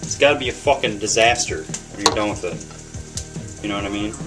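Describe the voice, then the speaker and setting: A man's voice: fairly low pitch, lively intonation, moderate pace, music in the background, rough recording. Rambling, cussing man cooking at home. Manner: rambling, swears freely, many ums and uhs. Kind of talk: casual talk to camera while cooking. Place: home kitchen, indoors. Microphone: webcam camera mic.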